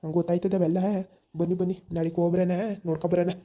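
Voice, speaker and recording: A woman's voice: fairly low pitch, little pitch movement, very fast, dark tone, lightly acted. A woman voicing a kind young village man in a cartoon, insistent and reassuring. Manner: insistent, reassuring, talks over worries. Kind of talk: cartoon voice acting.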